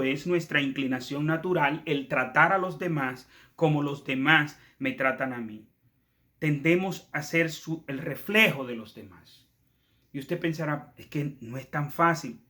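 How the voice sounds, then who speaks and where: A man's voice: sits high, bright, forceful tone. A man preaching a sermon as pastor, asking rhetorical questions and acting out short quotes.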